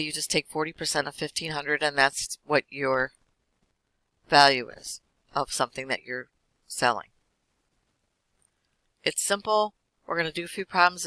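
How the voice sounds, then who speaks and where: Fast-talking male accounting lecturer, gravelly. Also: on the high side, pushed and bright, dry recording, low-quality recording. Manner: quick, explanatory, with fillers. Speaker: accounting instructor. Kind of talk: recorded slide lecture.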